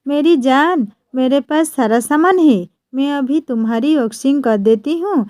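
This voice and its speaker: A woman's voice: high voice, measured pace, a little mellow, no echo, clean studio sound. A woman voicing a brash, pushy young bride in a bossy, teasing manner.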